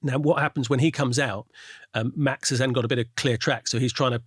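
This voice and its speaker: A man's voice: medium pitch, steady tone, brisk, no room sound, clean studio sound. A man hosting a casual podcast chat, telling a story in a chatty way with frequent restarts. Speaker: podcast host.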